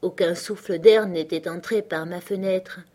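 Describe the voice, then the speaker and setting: A woman's voice: fairly low pitch, steady tone, a little slow. Woman giving an anguished dramatic reading. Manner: intense, anguished delivery with hushed whispered passages. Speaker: reader.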